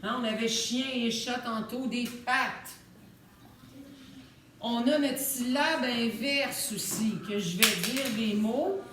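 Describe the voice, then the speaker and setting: A woman teacher, slowly sounding out syllables in a phonics lesson for young children. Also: on the high side, a bit bright, a little hiss or hum. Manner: slow, deliberate, sounds out syllables. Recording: echoey room, voice from a distance.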